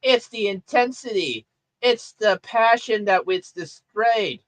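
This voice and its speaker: A man's voice: high-pitched, slow pace, a bit bright, no echo, voice pushed up. A man mimicking an earnest film fan who defends a movie in a pleading tone.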